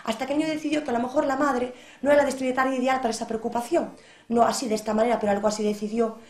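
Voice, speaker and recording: A woman from Portugal telling a folk tale aloud in a lively, dramatic way. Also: on the high side, rapid-fire. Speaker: storyteller. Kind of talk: oral storytelling. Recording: echoey room.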